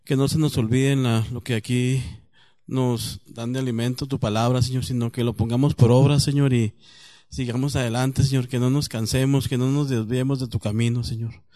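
A man leads a spoken prayer in a flat, even voice, returning to the Lord's name between phrases. The recording is dry and close, with little room sound. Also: medium pitch, normal speed, no room sound. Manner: steady, repeating "Señor" between phrases. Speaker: congregation member.

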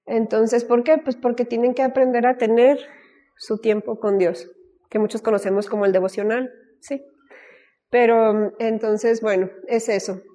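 Warm-voiced Mexican woman sharing teaching anecdotes. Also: fairly high pitch. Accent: Mexican Spanish. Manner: chatty, storytelling, frequent fillers and light laughter. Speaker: Bible study teacher. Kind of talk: casual teaching talk with anecdotes.

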